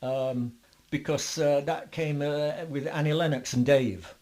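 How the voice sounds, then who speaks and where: Older male musician guest, slightly high voice, meandering anecdotes full of uhs. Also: fairly even intonation, a little slow, darkish tone, a little hiss or hum. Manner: rambling anecdotes with many fillers and restarts. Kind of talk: interview storytelling.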